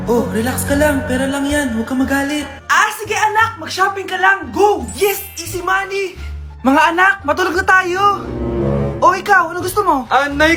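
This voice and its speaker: A woman acting out comedic family skits, switching between a scolding mother and her children. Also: very high voice. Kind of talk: comedic skit playing several family roles. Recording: echoey room with music.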